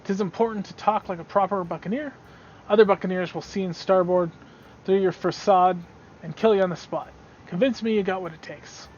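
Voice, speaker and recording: A man voicing a gruff male pirate quizmaster who mocks and tests newcomers in slow pirate slang, on slightly dull lo-fi audio. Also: sits high, fairly even intonation, darkish tone. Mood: challenging.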